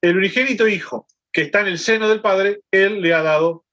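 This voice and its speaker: A man's voice: high-pitched, brisk, pushed and bright, muffled recording. A man leading a Bible lesson over a video call, explaining and often checking in with his listeners. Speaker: Bible study teacher.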